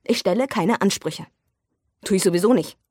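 A woman's voice: medium pitch, moderate pace, dry recording, clean studio sound, lightly acted. A woman voicing an irritable, jealous young man who talks sarcastically and flares into rants. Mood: furious ranting. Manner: sarcastic, escalating into shouting rants.

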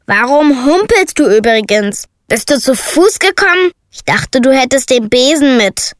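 A woman's voice: high-pitched, lively intonation, unhurried, no room sound, studio quality. A woman voicing a fretful, scolding male raven in a storybook reading, squawking and fussing.

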